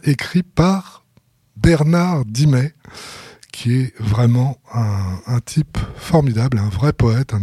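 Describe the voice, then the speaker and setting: A man's voice: mid-range voice, mellow, husky, no echo, studio quality. A man hosting a radio show, introducing records in a casual, hesitant way with many fillers and small chuckles. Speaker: radio host presenting records.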